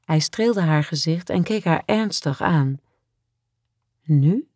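Slow, low-voiced woman narrator. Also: no room sound, studio quality. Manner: calm and measured. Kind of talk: audiobook narration of a romance novel.

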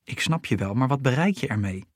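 A man's voice: mid-range voice, expressive, a little fast, no room sound, studio quality, close to an everyday voice. A man voicing a sensible schoolgirl friend who talks in a soothing, reasonable way.

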